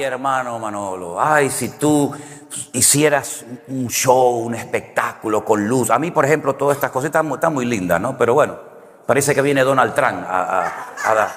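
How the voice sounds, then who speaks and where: A man's voice: medium pitch, fairly bright tone. Preacher man in a reverberant hall. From Canary Islands, Spain. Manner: anecdotal, ends points with a questioning "no?". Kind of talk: conversational sermon.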